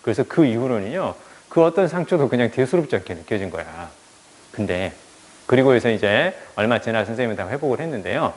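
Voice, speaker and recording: A man's voice: medium pitch, a little fast, long reverb tail. A male teacher telling a childhood story in a lecture, acting out the people he quotes. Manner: animated, acts out quoted voices. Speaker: English teacher.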